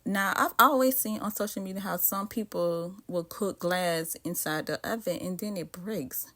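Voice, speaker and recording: A woman's voice: fairly low pitch, moderate pace, bright, forceful tone. A woman with a Southern US accent chatting casually to her viewers while she cooks, with lots of asides. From Southern United States. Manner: chatty, talks straight to viewers with frequent asides. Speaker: cooking vlogger. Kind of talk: casual chat while cooking.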